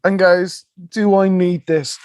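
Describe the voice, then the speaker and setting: A man's voice: sits high, steady tone, takes it slowly, darkish tone, no room sound, studio quality. A man with an English West Country accent, chatting casually as a podcast co-host.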